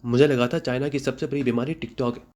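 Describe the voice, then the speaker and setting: The recording is very noisy. A young man from Pakistan, a comedy vlogger with a steady, mid-range voice, fires off sarcastic rapid-fire jokes in a comic monologue and then offers health advice.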